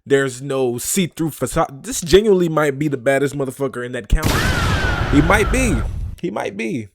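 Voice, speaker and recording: A man's voice: mid-range voice, lively intonation, normal speed, creaky, very noisy. A man hosting a reaction video, talking in a casual, incredulous and profane way.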